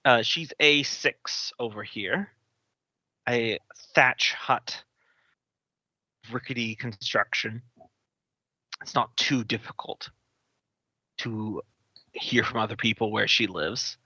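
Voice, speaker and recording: A man narrates a tabletop game as its game master, with casual asides. His voice is bright and forceful at an ordinary male pitch. The sound is dry and slightly dull. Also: slow, long pauses, slightly rough, dry recording. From United States.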